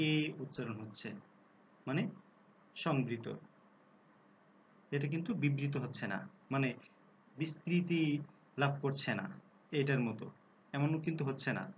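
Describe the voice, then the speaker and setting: A man giving a recorded lesson on pronunciation, explaining rules, asking rhetorical questions and sounding out example words slowly. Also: a little high, highs cut off, a little hiss or hum. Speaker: Bengali language teacher.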